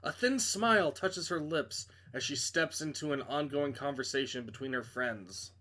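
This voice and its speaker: Reading a game's story text with dramatic flair, a streamer with a fairly high-pitched, sharp-toned voice keeps a moderate pace through his playthrough. Now and then he stumbles or stops to make blunt, casual comments.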